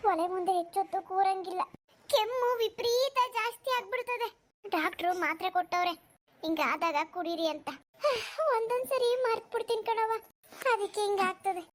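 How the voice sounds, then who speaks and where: Cartoon old grandmother, rustic dialect, consoling and motherly, very high-pitched, woman voicing her. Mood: weary. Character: kindly old village grandmother, lonely widow. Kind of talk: cartoon voice acting.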